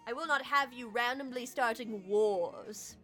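A woman playing a proud, aloof male fae noble in a tabletop game, speaking in a cool, measured, formal and condescending way. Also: a little high, pushed and bright, faint music behind. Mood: firm, measured. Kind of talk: tabletop role-play acting.

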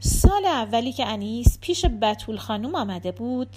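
Woman reading an audiobook, high voice that rises and falls a lot, expressive. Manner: expressive, lively storytelling. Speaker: audiobook narrator. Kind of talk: audiobook narration.

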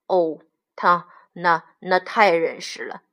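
A prim old dog postmaster speaks in a lowered, officious voice, as a woman storyteller puts him on. He sounds fussy and bound to the rules, a stern storybook clerk. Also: slow, bright, forceful tone. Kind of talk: storybook read-aloud.

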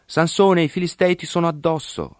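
Male reader voicing a scheming temptress, pitched way up and crying out loud. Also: very animated, normal speed, no echo, clean studio sound. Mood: alarmed crying. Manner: cries out in a high, raised voice.

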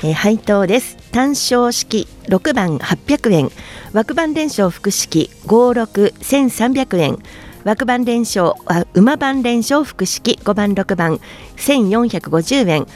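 A woman's voice: fairly high pitch, darkish tone. A woman hosting a racing review show, presenting results and chatting with her panel. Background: background music.

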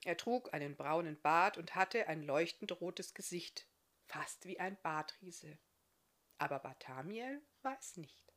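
A woman, an author, reading her own fairy tale aloud in a calm, even storytelling manner. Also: on the low side, a little slow.

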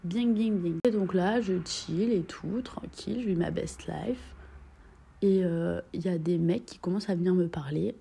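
A woman's voice: lowish voice, normal speed, gravelly, dark tone, breathy edge. A young woman in her twenties telling a holiday story in a chatty, slangy vlog, joking at her own expense and dropping into whispered asides. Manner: chatty, slangy, mixes in English phrases; playful, self-mocking, drops into whispered asides. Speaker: vlogger.

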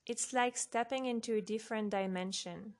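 A woman narrating a guided sleep meditation in a soft, unhurried way, with long pauses between phrases. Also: a little high.

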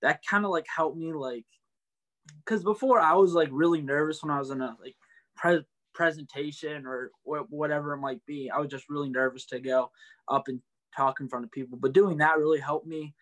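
Young male student guest, a bit higher voice, easygoing and filler-heavy. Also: steady tone, fairly quick, fairly bright tone. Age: young adult. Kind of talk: casual interview chat.

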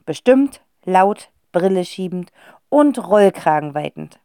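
A woman narrating a children's audiobook with a lively, expressive reading. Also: on the low side, slow, smooth, no echo, clean studio sound.

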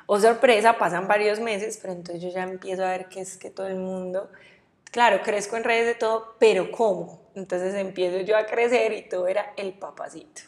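A young woman from Medellín with a paisa accent, telling her story as a podcast guest, animated and quick to laugh. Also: mid-range voice. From Medellín, Colombia. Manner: animated, laughs often, acts out quotes. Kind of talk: casual interview storytelling.

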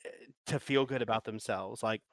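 A man's voice: medium pitch, moderate pace, dry recording. A man co-hosting a casual podcast chat, ranting and rambling with lots of "like" and restarts. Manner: rambling, ranting, heavy use of filler "like".

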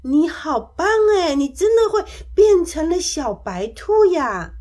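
A woman voicing a bashful but kind little boy who talks eagerly and excitably. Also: on the high side, moderate pace. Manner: eager, excitable, gently shy.

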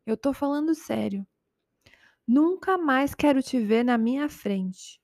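A fed-up young girlfriend in a spoken story, voiced by a woman reading it. She scolds firmly and plainly, in a dry, close voice pitched a little high. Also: lively intonation, slow, darkish tone, no room sound, heavily acted. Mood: firm, tearful. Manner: firm, reproachful.

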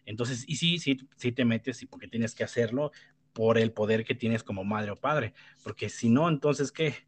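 A man's voice: medium pitch, normal speed, slight background noise. A man with a Mexican accent giving opinions in a casual debate, rambling and blunt, swearing freely and tagging his points with questions. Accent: Mexican Spanish. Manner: rambling, many restarts and tag questions. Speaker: panelist.

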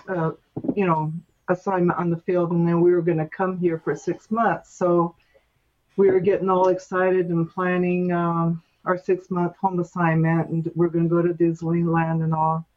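Interview guest: woman in her 60s from Brazil, measured reflective storytelling, dull recording. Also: lowish voice, flat delivery. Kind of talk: conversational recollection.

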